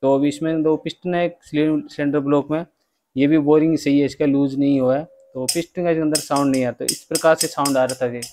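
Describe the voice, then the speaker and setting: A man's voice: a little high, steady tone, fairly quick, darkish tone, a little hiss or hum. A man, working as a bike mechanic, giving a step-by-step workshop repair tutorial and addressing viewers as friends.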